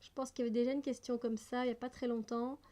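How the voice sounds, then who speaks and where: A woman's voice: on the high side, flat delivery, quick pace, warm tone. A woman vlogger reading out personal questions and answering them in a casual, chatty way, often laughing and hesitating.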